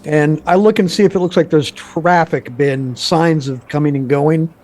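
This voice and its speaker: Mellow, higher-pitched male tabletop gamer. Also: steady tone, moderate pace. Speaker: tabletop game player. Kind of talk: casual tabletop game chat.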